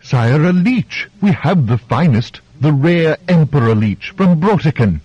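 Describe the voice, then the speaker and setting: A man playing a fawning court physician in a storybook reading, drawing out his words in a high, eager voice well above the narrator's own. The tone is husky and dry. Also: animated, mellow, no echo, dull audio. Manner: fawning, drawn-out sales pitch. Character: eager male court physician pushing leeches.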